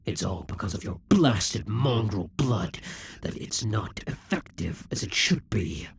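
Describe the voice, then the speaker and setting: In an audio roleplay, a man plays a proud, vengeful demon king who is centuries old, speaking slowly and theatrically and sometimes dropping into hissing whispers. His lowish voice is very husky and breathy yet animated, and he sounds incredulous.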